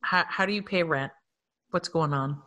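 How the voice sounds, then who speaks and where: A woman hosting a casual podcast chat, telling stories in a chatty, lively way. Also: low voice, moderate pace. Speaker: podcast host.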